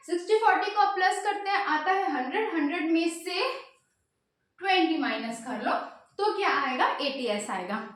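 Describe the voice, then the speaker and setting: Woman w doing a biology class, asks stuff then answers it herself, lively voice. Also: very high voice. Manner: repeats "ठीक है" often. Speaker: biology teacher. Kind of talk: exam-prep lecture. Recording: very echoey room.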